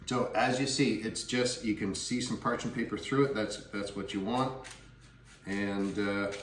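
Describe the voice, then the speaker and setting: A man's voice: lowish voice, fairly even intonation, a little slow, recorded from a distance. A man co-hosting a casual cooking vlog from a kitchen, giving plain, matter-of-fact steps. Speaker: cafe cook and co-host. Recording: echoey room, off-mic, faint noise.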